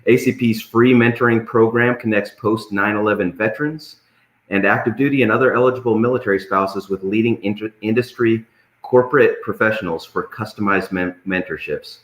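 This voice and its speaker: A man hosting a casual live panel, joking and somewhat halting as he goes, in a roomy, echoing recording. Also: fairly low pitch, fairly bright tone. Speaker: host.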